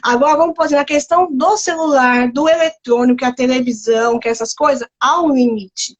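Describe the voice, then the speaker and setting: High-voiced woman explaining parenting limits. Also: fairly quick. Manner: explains with home examples, many fillers. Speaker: guest therapist. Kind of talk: casual interview talk.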